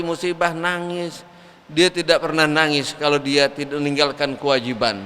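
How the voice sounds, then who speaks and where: A male preacher giving a lively, colloquial sermon in a mosque. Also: fairly high pitch, slight background noise. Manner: lively storytelling, colloquial asides. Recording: echoey mosque hall.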